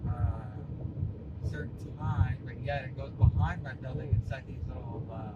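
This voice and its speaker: A man telling stories during a car ride, animated and swearing casually. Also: medium pitch, a little slow, narrow, tinny audio. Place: inside a moving car. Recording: distant voice, loud road noise.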